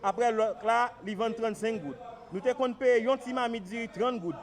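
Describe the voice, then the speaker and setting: A man's voice: very high voice, fairly quick. A man with a Haitian accent giving impassioned political commentary, emphatic and repetitive.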